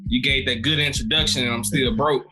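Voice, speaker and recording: A man from Louisiana with a Southern US accent, a comedian guest telling stories in a relaxed, laughing way on a casual podcast. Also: mid-range voice, brisk. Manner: laid-back storyteller, laughs often, says "man" a lot.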